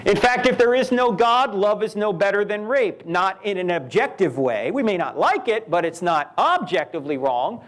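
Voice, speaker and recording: A man giving a live lecture at a university. He talks in an animated way, asking rhetorical questions and telling stories. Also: high-pitched, moderate pace, few pauses. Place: university event hall.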